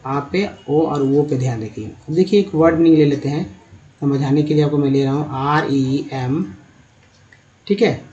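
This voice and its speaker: A man's voice: on the high side, a little mellow, dull audio. A man with a Hindi accent teaching English pronunciation, patiently drawing out the words he demonstrates. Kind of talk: explaining pronunciation to learners.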